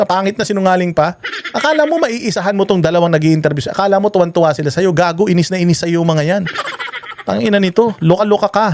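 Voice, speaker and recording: A man's voice: high-pitched, noisy background. A man in his forties giving a profane, mocking reaction commentary, ranting and scoffing as he talks. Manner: mocking, heavy swearing, animated ranting. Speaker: reaction vlogger.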